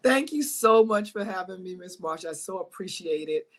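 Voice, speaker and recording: A woman's voice: on the low side, lively intonation, normal speed. A woman in her forties from Guyana, a fitness coach, talking about herself in an upbeat, grateful way. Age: 40s. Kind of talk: casual interview chat.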